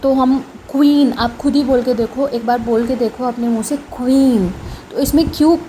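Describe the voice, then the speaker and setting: A woman's voice: a little high, steady tone, normal speed, warm tone, slight background noise, low-quality recording. A woman teaching phonics in a casual spoken lesson, saying each sound several times over.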